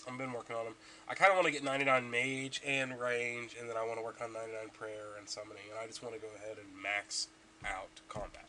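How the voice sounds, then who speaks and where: A man's voice: medium pitch, steady tone, fast talker, pushed and bright, a little hiss or hum. A young man rambling casually about his gaming progress as a podcast host, stuffy from allergies, with lots of ums and restarts.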